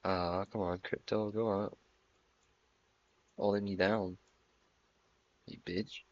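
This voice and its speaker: A man's voice: sits low, little pitch movement, slow pace, darkish tone, dull audio. A man in his twenties hosting a trading livestream, joking and swearing in casual banter. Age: 20s. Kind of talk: casual stream chat.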